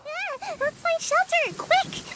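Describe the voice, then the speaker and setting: A woman voices a tiny, excitable, childlike fairy companion in a video game, using a squeaky voice. Her delivery is slow and heavily acted, with an excited, urgent mood.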